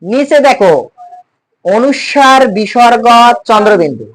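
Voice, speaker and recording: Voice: mid-range voice, lively intonation, a little slow, poor audio. A teacher, giving a classroom lesson on speech sounds, explaining patiently and quizzing students with repeated terms.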